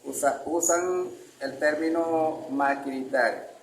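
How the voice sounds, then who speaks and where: A man's voice: on the high side, fairly even intonation, slow pace, slight background noise. Man explaining, heard from a distance. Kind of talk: answering questions at a public event. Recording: echoey room, heard from a distance.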